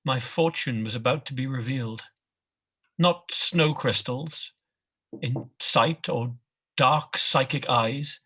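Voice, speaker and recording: A woman playing an anxious, burdened husband in a play reading, speaking in a deliberate, declamatory way. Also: a bass voice, a bit bright, breathy edge, heavily acted. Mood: anxious, self-important. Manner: deliberate, declamatory, repeating phrases. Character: anxious, burdened husband, a self-styled solid man.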